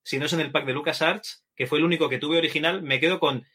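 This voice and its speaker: A man from Catalonia chats on a podcast, joking about himself as he reads listener comments. His voice is bright and a little high. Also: steady tone, fast, husky. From Catalonia, Spain. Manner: jokey, self-mocking. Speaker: podcast co-host reading comments. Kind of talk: casual podcast chat.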